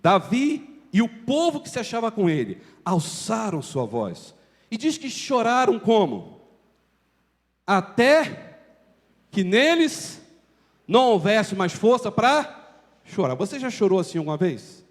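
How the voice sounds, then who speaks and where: A man's voice: high voice, sing-song, measured pace, long pauses. A man preaching a sermon in a church, pressing his point with rhetorical questions. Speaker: pastor. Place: church sanctuary. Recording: long church reverb.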